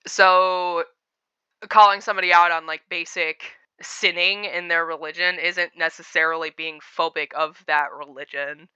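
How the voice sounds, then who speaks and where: A woman's voice: on the low side, fairly even intonation, moderate pace, sharp tone, smooth, no room sound. A woman giving casual, rambling reaction commentary, opinionated and full of digressions. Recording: dull lo-fi sound, dry.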